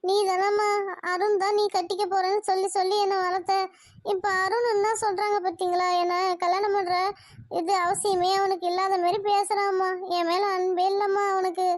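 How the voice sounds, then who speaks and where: A woman's voice: very high-pitched, moderate pace, no echo. A woman playing a girlish lovestruck cartoon girl. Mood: coy. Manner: coy and teasing. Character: lovestruck young woman, playful and teasing. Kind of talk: cartoon voice acting.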